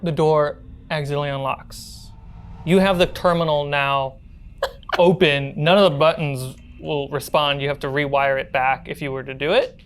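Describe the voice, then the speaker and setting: Her low-pitched voice is clear, resonant, and steady, moving at normal speed as she game-masters a tabletop role-playing game. She mixes scene narration with easygoing, playful table talk, and music runs behind the recording.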